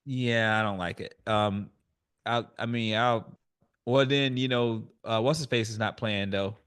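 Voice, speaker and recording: A man co-hosting a podcast, weighing fantasy basketball picks in a hesitant, halting way. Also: lowish voice, fairly even intonation, fairly bright tone, smooth. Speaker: podcast co-host. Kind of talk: casual sports chat.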